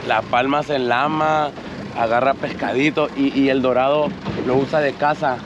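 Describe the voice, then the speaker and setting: A man in his thirties from Mexico with a Sinaloa accent, a local fisherman explaining his craft in a folksy, excitable way while working on a small boat at sea. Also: medium pitch, moderate pace, muffled recording. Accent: Sinaloa Mexican Spanish. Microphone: action camera on the boat. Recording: loud wind and boat noise.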